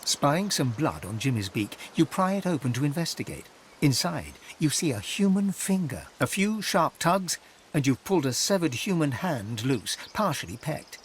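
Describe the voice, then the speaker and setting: A man narrating a fantasy video game in the second person, with measured, dramatic storytelling. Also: a little high, very animated, slight background noise.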